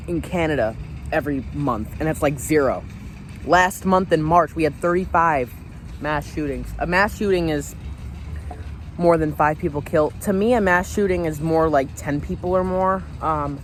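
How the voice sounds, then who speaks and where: A man's voice: on the high side, moderate pace, slight background noise. An American man giving a casual opinion monologue as a vlogger, informal and repetitive, often saying "you know.". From United States.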